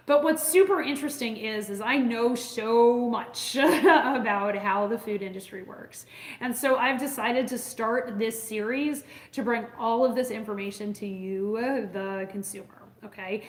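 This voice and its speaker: A woman in her forties speaks in a casual monologue to her viewers, explaining the food business she consults for. She talks enthusiastically and rambles, with plenty of fillers and restarts. Her voice is mid-pitched and carries a roomy echo. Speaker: food safety consultant and coach. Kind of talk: casual talking-to-camera monologue.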